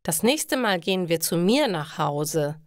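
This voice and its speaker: A woman's voice: on the low side, animated, measured pace, no echo, studio quality. A woman voicing a bossy, self-important young girl who snaps demands at her friend. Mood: bossy, snippy. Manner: demanding and snippy.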